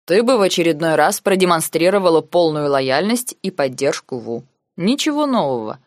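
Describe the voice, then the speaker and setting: A woman reading the lines of a cold, calculating noble uncle in an audiobook, measured and sarcastic. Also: deep voice, expressive, no room sound, studio quality. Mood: cold, lecturing. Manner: measured, lazy, coldly sarcastic.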